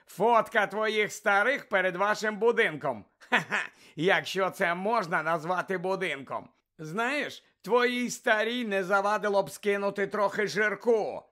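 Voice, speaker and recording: A man's voice: sits high, unhurried, voice pushed up. A man doing a sneering teenage bully. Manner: mocking, jeering, loud. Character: sneering rich teenage schoolboy, spiteful bully.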